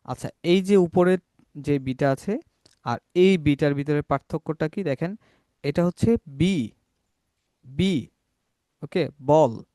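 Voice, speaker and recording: A Bangladeshi man teaching English pronunciation in an online class, slowly modelling sounds and often checking that the class is following. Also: on the high side, mellow, no echo, studio quality. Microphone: laptop or video call mic.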